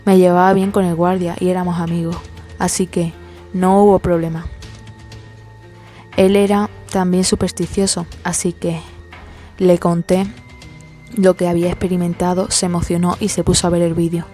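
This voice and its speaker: A woman reads a first-person horror story in a dark, mellow tone, her low voice barely rising or falling. She keeps a slow, measured pace and pauses with hesitant "mm"s. Faint music plays behind her. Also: level tone.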